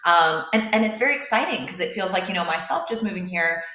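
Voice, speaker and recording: A woman's voice: on the low side, lively intonation, fast talker, pushed and bright, echoey room, muffled recording. A woman from Canada chatting in an interview, upbeat and gushing with plenty of ums and likes. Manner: upbeat, gushing, many fillers. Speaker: business partner. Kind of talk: casual interview.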